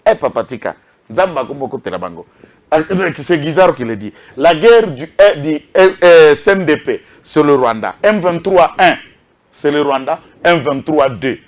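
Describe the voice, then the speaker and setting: Emphatic Congolese man, slightly high voice. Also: expressive, moderate pace. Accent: Congolese French. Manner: emphatic, rhetorical questions, lists names with a repeated "est qui?". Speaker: political commentator. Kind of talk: impassioned political commentary.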